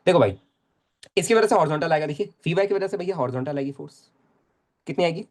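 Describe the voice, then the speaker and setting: A man's voice: on the high side, lively intonation, quick pace. Young male physics tutor; casual, repetitive, coaxing delivery. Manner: casual, chatty, repeats phrases, coaxes students. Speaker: physics teacher. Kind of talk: live online lecture.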